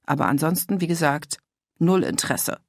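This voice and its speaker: A woman's voice: low voice, animated, moderate pace, no echo, clean studio sound. Woman doing an outraged, gossipy middle-aged mother. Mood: grumbling. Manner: agitated, voice cracking with outrage.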